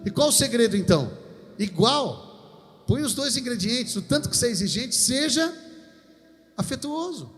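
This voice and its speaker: A man preaching a lively sermon, telling stories and acting out the dialogue. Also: very high voice, moderate pace, long pauses, long reverb tail, faint music behind. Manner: animated storytelling, acts out dialogue.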